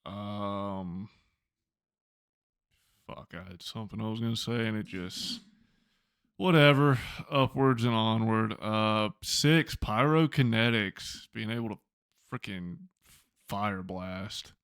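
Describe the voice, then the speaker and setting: Gravelly laid-back man, dry close sound. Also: fairly low pitch, slow pace, long pauses, a bit bright, no room sound. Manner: laid-back, blunt, curses casually. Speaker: podcast co-host. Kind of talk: casual chat.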